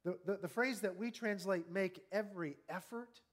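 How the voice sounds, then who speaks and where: The evening sermon comes from a high-pitched man in his fifties, a pastor speaking earnestly and conversationally. He keeps asking his congregation questions and slows his delivery on the key words.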